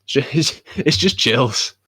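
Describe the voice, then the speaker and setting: Slightly high, animated, pushed and bright with a breathy edge, this British man's voice moves at a slow pace with no echo. He's co-hosting a podcast, chatting casually in a rambling way with frequent fillers and restarts.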